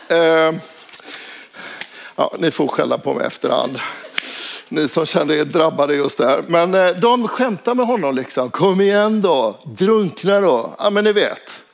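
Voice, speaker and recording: A man's voice: fairly high pitch, creaky. A man telling a personal anecdote in a casual spoken way, hesitant and full of filler sounds. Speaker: storyteller.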